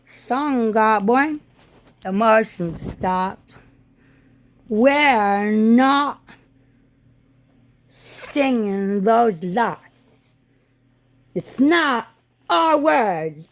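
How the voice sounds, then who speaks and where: A woman giving a rambling spoken monologue in disjointed, halting, drifting phrases. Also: fairly high pitch, expressive.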